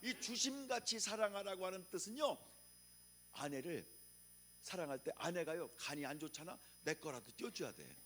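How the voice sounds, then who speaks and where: A man's voice: high-pitched, animated, moderate pace, a bit bright. A male pastor from preaching a revival sermon, calling on the congregation to repeat after him and answer back. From Chungcheong, Korea.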